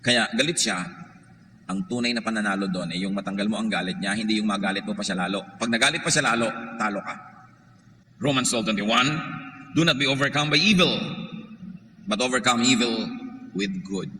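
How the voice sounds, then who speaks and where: A man's voice: lowish voice, fairly quick, long pauses, pushed and bright, slight background noise. A man with a Filipino accent preaching a sermon, mixing Tagalog and English, quoting scripture and joking with the congregation. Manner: switches between Tagalog and English, quotes scripture, jokes with the congregation. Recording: long hall reverb, faint room ambience.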